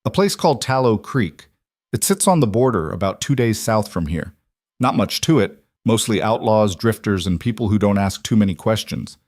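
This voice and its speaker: A man voicing a calm man of about forty who tends a wounded stranger, speaking quietly with a foreign accent. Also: fairly low pitch, no room sound, studio quality. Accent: foreign accent in English. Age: 40s. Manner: quiet, measured, steady.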